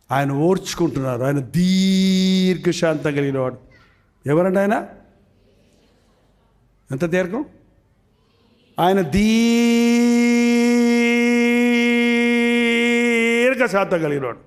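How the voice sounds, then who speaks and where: High voiced pastor guy preaching, repeats stuff a lot, asks the crowd questions, slow then fast. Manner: emphatic, repetitive, rhetorical questions; shifts between slow drawn-out stress and fast bursts. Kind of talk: sermon.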